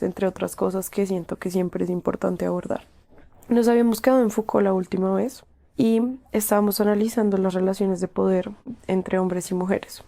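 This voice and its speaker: A woman's voice: medium pitch, vocal fry, mellow. A young woman with a cold hosting a podcast, talking steadily through prepared points and then interviewing a guest. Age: young adult. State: has a cold. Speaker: podcast host, psychology student. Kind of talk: scripted podcast monologue and interview.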